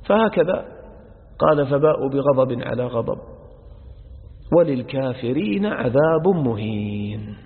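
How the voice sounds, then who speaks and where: A male sheikh gives a religious lesson on Quran verses. He repeats each verse phrase and explains it word by word, and he speaks to his listeners as brothers. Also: mid-range voice. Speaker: sheikh teaching Quran exegesis. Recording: echoey hall over a narrow phone-like line.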